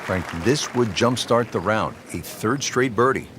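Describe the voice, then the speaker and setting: A man doing play-by-play golf commentary as a broadcast announcer, with a polished, measured delivery. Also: mid-range voice, animated, heavy background noise, lightly acted. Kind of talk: scripted sports commentary. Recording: loud music and crowd behind. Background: music and golf crowd.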